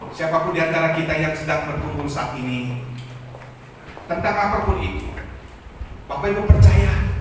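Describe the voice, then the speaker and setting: A man's voice: a little high, a bit bright, a little hiss or hum. A man preaching a fervent sermon as pastor, often addressing the congregation directly. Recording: echoey hall, from far off.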